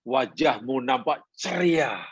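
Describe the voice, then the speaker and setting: A man giving a hadith lesson as a religious teacher, in a measured, explanatory way with rising emphasis. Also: mid-range voice, expressive, slightly rough, dry recording. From Malaysia.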